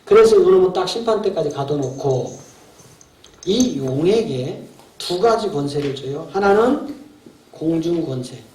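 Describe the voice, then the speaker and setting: A male pastor preaching in a high, animated voice that leaps around. His speech is colloquial and punchy, full of rhetorical questions. He sounds roomy and distant from the microphone, with a soft hiss in the background. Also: a little slow. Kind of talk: sermon. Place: seminar hall. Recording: echoey hall from far off.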